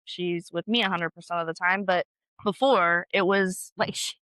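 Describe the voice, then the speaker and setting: A woman in her thirties co-hosting a podcast, chatting casually about being a mom, blunt and quick to swear. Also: on the low side, smooth, no echo. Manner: blunt, swears freely, animated storytelling. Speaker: podcast co-host. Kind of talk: casual chat.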